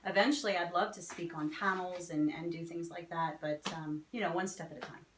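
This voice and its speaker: A woman's voice: lowish voice, fairly even intonation, brisk. A woman in her forties with a New Jersey accent, chatting in an upbeat, easy way as an author being interviewed. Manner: chatty and upbeat, laughs easily. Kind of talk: casual interview chat. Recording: roomy with faint background noise.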